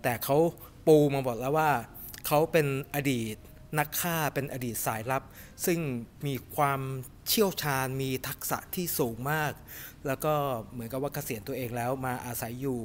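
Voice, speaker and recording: A man's voice: mid-range voice, moderate pace, slight background noise. Chatty middle-aged man reviewing a film. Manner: chatty and animated, refers to himself by nickname, many fillers. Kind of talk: casual movie review to camera. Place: cinema lobby in front of a movie poster, indoors.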